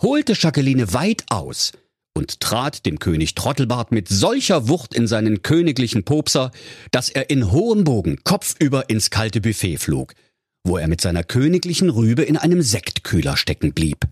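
A man's voice: medium pitch, huge pitch swings, moderate pace, breathy edge, no room sound. Brief: male storyteller, mock-solemn comic reading, dry close sound. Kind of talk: comic fairy-tale reading.

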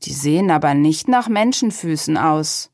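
A woman's voice: low voice, lively intonation, moderate pace, darkish tone, dry recording, clean studio sound. A woman voicing a grumbling little male apple man in a storybook reading, with a scolding, suspicious manner.

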